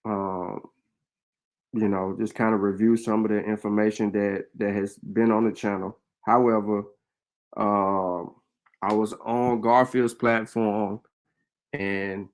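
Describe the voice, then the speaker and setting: A man with a fairly low voice speaks to his channel in a loose, unscripted monologue. He pauses often on fillers and restarts, then pushes his voice up and out when he drives a point home. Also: little pitch movement. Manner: hesitant, many fillers, grows louder and higher when stressing a point. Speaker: channel host. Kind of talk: casual commentary monologue.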